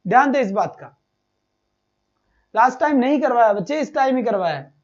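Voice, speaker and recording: A man teaches a live online exam-prep class, firing quick questions at his students, repeating each point and calling them "beta". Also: extremely high pitch, muffled recording.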